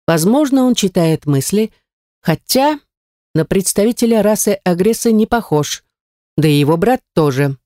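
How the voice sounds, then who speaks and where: A woman's voice: medium pitch, expressive, moderate pace, warm tone, no room sound, studio quality, voice pushed up, lightly acted. A woman reading the lines of a bossy male talking skull who acts as the group's mentor, in a storybook audiobook. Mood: musing. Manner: gruff commanding outbursts.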